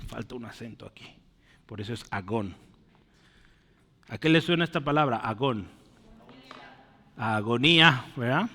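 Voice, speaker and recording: A man's voice: mid-range voice, fairly bright tone. A man preaching a sermon to his congregation, earnest and often asking them questions. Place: church. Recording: long reverb of a church hall.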